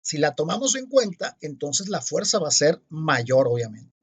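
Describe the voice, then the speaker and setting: A man's voice: a little high, big pitch swings, slightly rough. A man teaching physics, working through exercises step by step and spelling out each calculation. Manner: deliberate, spells out each calculation and checks itself.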